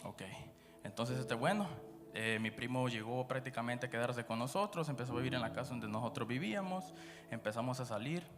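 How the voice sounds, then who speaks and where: A man with a Guatemalan Spanish accent tells his testimony to a church audience, rambling and conversational, with frequent fillers. His voice sits at a medium pitch. Worship music plays clearly behind him. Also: expressive, a little fast. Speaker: preacher giving his testimony. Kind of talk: personal testimony after prayer. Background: background music.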